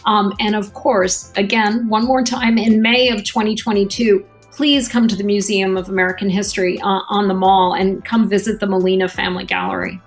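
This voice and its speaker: A woman's voice: medium pitch, steady tone, moderate pace, few pauses, faint music behind. A woman museum official talking casually in a panel conversation, with some fillers.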